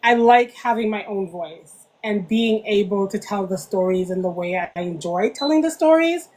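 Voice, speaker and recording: A woman's voice: medium pitch, animated, normal speed, darkish tone, rough recording. A woman author chatting casually as a podcast guest, telling things animatedly and acting out remarks. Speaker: interviewed author. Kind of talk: casual podcast interview chat.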